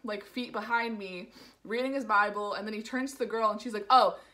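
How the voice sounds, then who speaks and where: A woman's voice: mid-range voice, fairly even intonation, fairly quick, bright, forceful tone. A young woman from the New York area telling a casual vlog story, rambling and full of "like" fillers. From New York area, USA. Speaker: vlogger.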